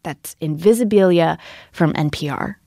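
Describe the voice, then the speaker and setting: A woman's voice: low-pitched, moderate pace, dark tone, dry recording, clean studio sound. A woman podcast host reading a promo for another show in a friendly, direct way.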